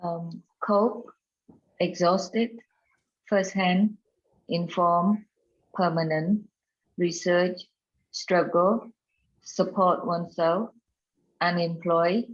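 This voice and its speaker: A woman's voice: lowish voice, fairly even intonation, drawn-out words, long pauses, dull audio. A polite woman student, reading vocabulary words aloud in an online class. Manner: polite, addresses teacher as sir.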